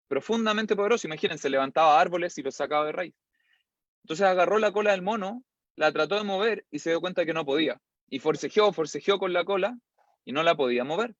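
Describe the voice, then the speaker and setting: A man teaching a class, an animated storyteller who acts out scenes as he goes. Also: sits high, dry recording. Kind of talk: lively storytelling lesson. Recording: slightly dull lo-fi sound.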